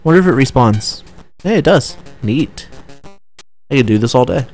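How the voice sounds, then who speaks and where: A young man giving casual, chatty commentary while playing a video game, often excited and restarting his sentences. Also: mid-range voice, normal speed. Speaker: let's play commentator. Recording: faint game music behind.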